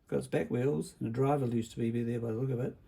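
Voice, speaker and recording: A man presenting a workshop vlog to children as a builder, in a bright kids' party host manner, explaining things simply and checking in with tag questions. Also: mid-range voice, fairly even intonation, quick pace, vocal fry.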